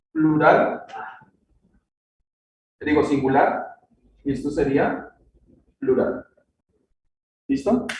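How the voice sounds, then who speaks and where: A man's voice: high voice, darkish tone. A man teaching a grammar lesson in a church classroom, checking in with short questions and repeating key words. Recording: echoey room, distant mic, faint noise.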